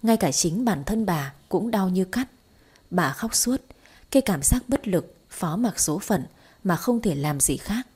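A woman reading a romance story aloud in steady, scripted audiobook narration. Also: medium pitch, unhurried, breathy edge.

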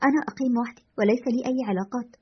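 A woman's voice: fairly high pitch, racing, slightly rough. A woman voicing an anxious man calling a radio show, recounting unsettling events in a confessional, uneasy way. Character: anxious man caller, shaken by strange events. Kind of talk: storytelling narration. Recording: lo-fi dull audio.

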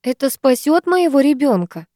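A woman's voice: sits high, sing-song, moderate pace, dark tone, no room sound, studio quality, voice pushed up. A woman voicing a terrified young woman in labor. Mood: frightened. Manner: pleading, crying out in pain.

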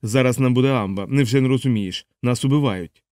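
A man's voice: medium pitch, fairly quick, a little mellow, clean tone, no echo, natural voice. Brief: desperate airman in a panic, read by a man, dry close sound. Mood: panicked. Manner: hysterical, pleading. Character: panicked desperate male bombardier.

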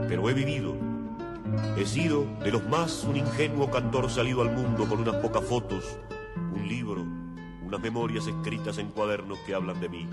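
A man reciting a poem in a slow, grave, deliberate way. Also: fairly low pitch. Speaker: poetry reciter. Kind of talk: poetry recitation over guitar.

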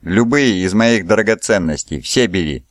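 A man's voice: lowish voice, animated, moderate pace, no echo, lightly acted. Proud, contemptuous noblewoman read by a male narrator, imperious tone, dry close sound, audiobook. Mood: scornful. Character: proud scornful young noblewoman, fiery.

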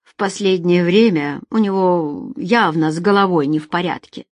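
A woman's voice: on the low side, normal speed, no room sound, natural voice. A woman reading a novel aloud, voicing a grumbling, suspicious male restaurant manager.

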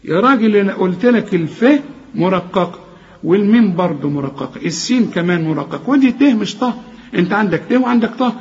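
High-voiced Egyptian man correcting recitation. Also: expressive, a little mellow, muffled recording. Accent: Egyptian Arabic. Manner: corrective, exasperated, demonstrates words slowly. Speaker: Quran recitation teacher. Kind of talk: tajweed lesson correcting a student.

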